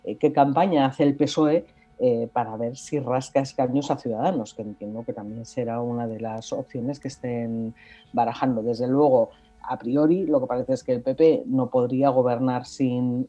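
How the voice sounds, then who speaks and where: A man's voice: medium pitch, moderate pace, mellow. A man commenting casually on a talk show, with hesitations and fillers. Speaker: political commentator. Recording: dull lo-fi line.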